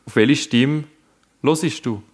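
A man's voice: mid-range voice, takes it slowly. A man preaching a sermon, speaking earnestly and addressing the listeners directly.

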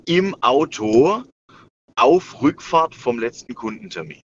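A man's voice: mid-range voice, sing-song, takes it slowly. A man chatting as a podcast co-host through a car's hands-free speakerphone, joking and often stumbling over repeated words. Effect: car hands-free speakerphone call. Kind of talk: casual joking chat. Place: car on the road. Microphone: car hands-free system. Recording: lo-fi hands-free call with faint noise.

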